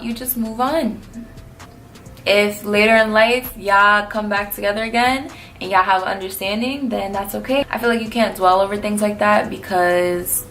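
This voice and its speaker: Laid-back young New woman, vocal fry. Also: medium pitch, a bit bright, a little hiss or hum. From New York. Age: early 20s. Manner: slangy, blunt, laid-back. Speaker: vlogger answering fan questions. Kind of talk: casual Q&A chat.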